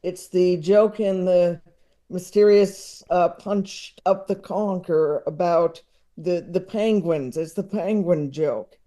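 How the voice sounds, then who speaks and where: A man with a soft, mellow, high voice chats casually as a podcast guest, taking his time and halting often. He sounds enthusiastic yet self-deprecating and tends to chuckle as he talks.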